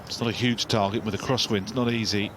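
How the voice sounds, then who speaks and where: A man with a fairly low voice works as a golf commentator. His remarks are short and analytical, with clear outdoor noise in the background. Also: fairly even intonation, fast talker. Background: outdoor ambience.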